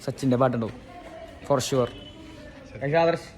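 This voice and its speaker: A man's voice: medium pitch, unhurried, darkish tone, soft background music. A man from Kerala vlogging at a student service camp, playful and jokey, always calling out to his viewers. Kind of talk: casual vlog chatter to camera. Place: outdoors at a camp among a crowd of students. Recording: outdoor phone audio with crowd chatter.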